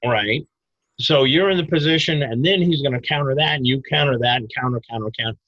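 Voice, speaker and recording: A man explaining self-defense techniques in a podcast interview, animated and emphatic, breaking into loud mock outbursts. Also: medium pitch, brisk, dry recording, highs cut off.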